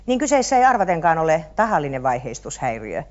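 A woman's voice: sits low, big pitch swings. A female co-host reading mock-formal scripted lines with dry wit. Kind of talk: scripted TV hosting. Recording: dull 1970s TV audio.

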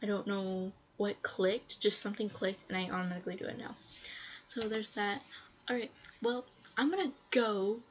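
A woman with a blocked, stuffy nose talks casually to her viewers in a rambling vlog, often pausing on "um". Her voice sits at a middle pitch. The recording is dull and lo-fi, with a faint hiss behind her. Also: steady tone, fairly bright tone. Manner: chatty, rambling with frequent ums. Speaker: vlogger.

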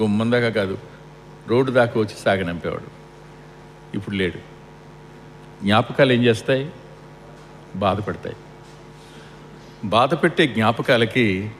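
A man's voice: fairly low pitch, measured pace, pauses often. Man preaching a funeral sermon in a hall. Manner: asks the crowd rhetorical questions and repeats for emphasis. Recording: long hall reverb with faint air-conditioning hum.

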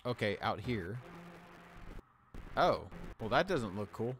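A man streaming a video game from home in casual let's-play commentary, playful and animated, reading game text aloud and humming along. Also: lowish voice, slow, a little hiss or hum.

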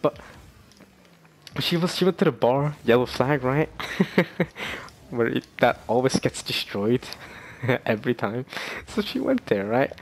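A man's voice: medium pitch, expressive, unhurried, gravelly. A young man vlogging in a casual, rambling way, with many fillers and restarts, often breaking into laughter. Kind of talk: casual chat.

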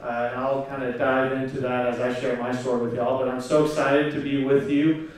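Speaking on a large hall stage, a conference speaker in his twenties shares his personal testimony into a handheld mic, earnest and full of fillers and pauses. Born in South Korea and raised in Oklahoma, he has a mid-range voice with little pitch movement, recorded from afar amid echo.

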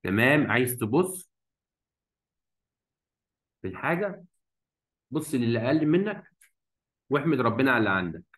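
A man with an Egyptian Arabic accent runs an English grammar lesson in a lively, singsong way, his pitch rising and falling widely. He slows right down to spell out English words, then hurries back into Arabic to explain them. He keeps prompting his students with quick questions so they fill in the missing word. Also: rough recording. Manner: stretches out English words slowly when modeling them. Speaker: English teacher.

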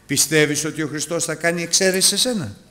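A man preaching a sermon to his congregation, calling them brothers and moving between loud urgent appeals and hushed asides. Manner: dramatic, rises and drops sharply in pitch and loudness; addresses listeners as brothers.

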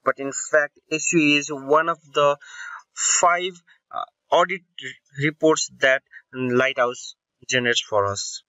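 A man's voice: fairly high pitch, slow pace, pushed and bright, clear, resonant tone, no room sound, lo-fi sound. A man narrating a screen-recording tech tutorial, explaining step by step with fillers and self-corrections.

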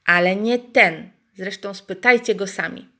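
Woman doing male horse, wise, confident, storybook, bright. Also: medium pitch, unhurried. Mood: assured. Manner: confident, commanding.

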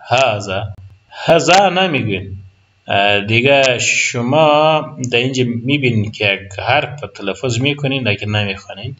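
Afghan Dari lecturer, dull lo-fi sound. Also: male voice, lowish voice, fairly bright tone. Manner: explains patiently, reads examples slowly, then translates. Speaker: university Arabic lecturer. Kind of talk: recorded lecture.

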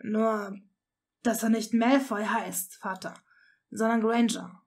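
Woman reading as sullen young wizard, low, subdued, halting. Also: fairly even intonation, darkish tone. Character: arrogant young pure-blood wizard, shaken and sullen.

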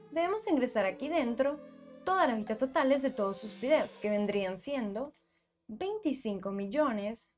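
Woman narrating a step-by-step screen tutorial. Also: fairly high pitch. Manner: steady, explanatory, walks through numbers step by step. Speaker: YouTube channel host.

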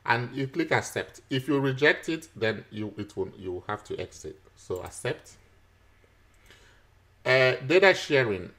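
A man teaching a screen-recorded software tutorial, explaining each step patiently, with frequent fillers and chuckles. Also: medium pitch, animated, unhurried.

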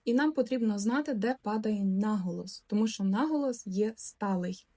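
Woman teaching Polish, drawn-out example words. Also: medium pitch, warm tone. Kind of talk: language lesson.

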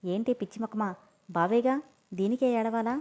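A woman's voice: a little high, normal speed, dark tone, natural voice. A woman voicing a scheming middle-aged mother who talks in a coaxing, bossy way.

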